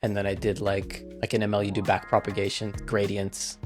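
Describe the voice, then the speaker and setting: With music in the background, a man in his forties from Russia talks fairly quickly in a lowish, completely flat voice. He's a game programmer appearing as a podcast guest in a casual interview chat, rambling and peppering his speech with "like".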